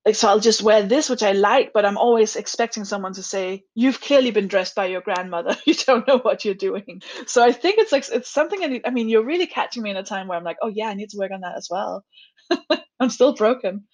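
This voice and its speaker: A woman's voice: mid-range voice, lively intonation, brisk, poor audio. A woman from Denmark with a Danish accent, a comedian talking candidly in an interview, laughing often and restarting her sentences. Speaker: comedian guest. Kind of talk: conversational interview.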